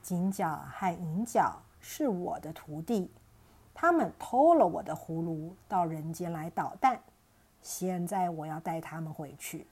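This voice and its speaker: Woman doing a deep, solemn old sage. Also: lively intonation, a little slow, darkish tone, husky. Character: stern, calm old male celestial sage.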